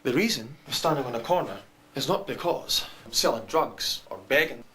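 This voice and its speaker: A man telling a scripted comic monologue in a wry, deadpan, digressive way for a short film. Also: medium pitch, moderate pace, a little hiss or hum.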